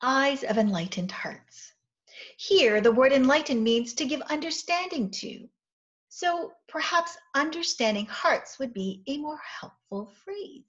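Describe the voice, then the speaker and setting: A middle-aged woman pastor giving a measured, earnest sermon from a small office, recorded on a webcam. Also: sits high, lively intonation, fairly bright tone. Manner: measured, earnest reflective preaching. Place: small indoor office with bookshelves. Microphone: webcam, seated facing camera. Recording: dull lo-fi webcam audio.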